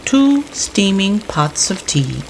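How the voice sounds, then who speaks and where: A woman puts on an impatient male skeleton from a storybook trickster tale. He counts with slow, drawn-out emphasis and lively swings in pitch, over faint noise. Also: rough recording. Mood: measured counting.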